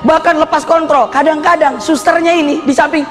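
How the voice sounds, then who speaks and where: A middle-aged man preaching a lively sermon full of stories, animated and often laughing, his voice leaping up for emphasis. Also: very high voice, a little fast. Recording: reverberant hall with faint music.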